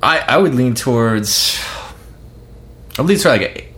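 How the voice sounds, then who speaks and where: A man's voice: medium pitch, expressive, normal speed, a bit bright. A man co-hosting a casual podcast, tasting and rating beers, talking in a rambling, hesitant way with many restarts. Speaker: podcast co-host. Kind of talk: casual beer-tasting chat.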